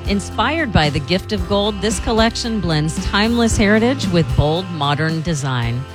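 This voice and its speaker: Low-voiced woman reading a luxury ad. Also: lively intonation, normal speed, over music. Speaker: radio show host. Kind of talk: luxury ad read, polished promotional script.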